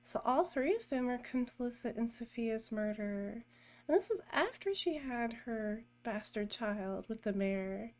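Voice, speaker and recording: A woman streaming a murder mystery game, chatting casually, reading diary notes aloud and greeting new subscribers with excitement. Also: on the high side, measured pace.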